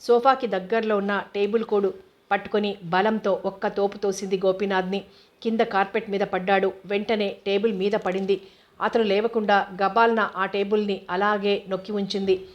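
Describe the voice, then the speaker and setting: A woman narrating a novel aloud at a steady, measured pace. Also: medium pitch. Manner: steady, even reading. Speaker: audiobook narrator. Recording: dull lo-fi recording.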